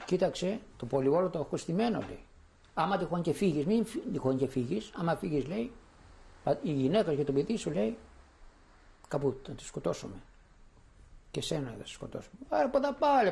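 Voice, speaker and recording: An older man from Thessaloniki recounting his memories in an interview. His voice is gravelly and sits somewhat high, and his pitch swings widely as he acts out the people in his story. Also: a little mellow. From Thessaloniki, Greece. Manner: vivid storyteller acting out quoted voices. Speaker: interviewee giving testimony. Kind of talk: spoken memoir testimony.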